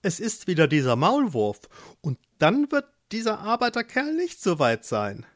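A storyteller voicing a flock of excited, gossiping doves with shrill cooing calls for a children's storybook. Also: moderate pace.

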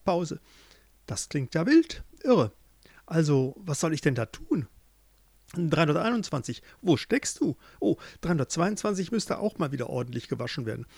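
A chirpy, scatterbrained millipede lady, played by a man rambles in a raised, lively voice. She sounds distracted and cheerful, with a slight gravel underneath. It is a storybook creature. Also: fairly high pitch, moderate pace, dry recording, exaggerated voice.

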